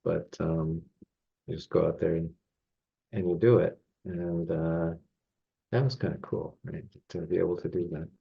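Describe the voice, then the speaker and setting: A man's voice: deep voice, steady tone, moderate pace, gravelly, husky. A middle-aged man from Canada, a judo coach telling stories in a casual interview, chuckling often and rambling with plenty of fillers. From Toronto, Canada. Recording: slightly dull lo-fi recording.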